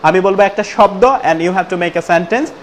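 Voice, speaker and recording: A man teaching a spoken English class, prompting students again and again and slowing right down to model each sentence. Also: high-pitched. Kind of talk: classroom lesson with call-and-response drills. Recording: loud room noise and class chatter. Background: students answering in chorus.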